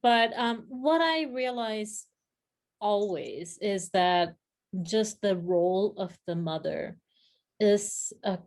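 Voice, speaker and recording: On a video call, this Sri Lankan practice leader talks slowly in a mid-range, slightly mellow voice. Her reflective, casual conversation is thoughtful, with pauses to find words and easy laughter.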